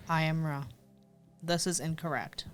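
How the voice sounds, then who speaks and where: A woman voicing a formal, nonhuman channeled entity, reading its answers from a transcript in a measured way. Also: low voice, soft background music.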